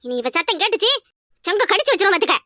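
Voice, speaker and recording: Cartoon: a nagging Kanyakumari mother-in-law, very high, fast, shrill, dry studio. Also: very animated, bright, forceful tone, no room sound, full character voice. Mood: scolding. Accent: Kanyakumari Tamil. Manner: scolding, quick and shrill. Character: sharp-tongued older village mother-in-law. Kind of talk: cartoon voice acting.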